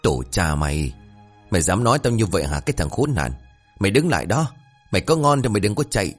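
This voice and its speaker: Toothless old sorcerer, put on by a male storyteller: shrill, vain, fast-talking, always scolding. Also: very animated, breathy edge, faint music behind. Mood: angry scolding. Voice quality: shrill lisping voice from missing front teeth. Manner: scolding, cursing, rapid outbursts.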